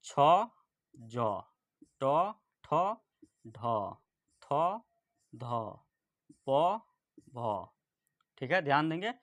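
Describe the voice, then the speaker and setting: A man teaching a grammar lesson at a board, speaking slowly and repeating each point and checking in with the class often. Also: medium pitch, fairly bright tone, no echo.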